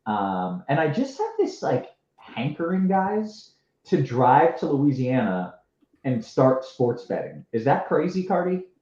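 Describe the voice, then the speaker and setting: A man's voice: medium pitch, big pitch swings, measured pace, darkish tone. A man hosting a casual live sports stream, sounding muffled and underwater through his headset mic, laughing easily and joking around. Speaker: show host. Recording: muffled echoey headset line.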